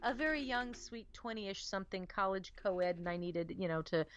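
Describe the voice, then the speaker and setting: Animated woman co-hosting talk radio. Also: medium pitch, moderate pace, dry recording, dull audio. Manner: animated, acts out quoted voices with playful emphasis. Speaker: radio co-host. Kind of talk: casual political talk radio chat.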